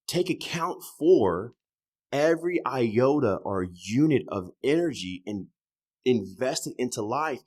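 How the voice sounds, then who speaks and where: On a podcast, a male guest in his thirties talks in a relaxed, profane way, alternating forceful outbursts with murmured asides that trail away. His voice is mid-range.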